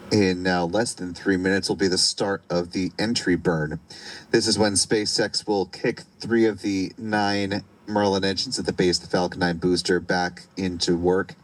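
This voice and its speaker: Deep-voiced man giving live commentary. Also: poor audio. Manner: measured, explanatory. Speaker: launch webcast commentator.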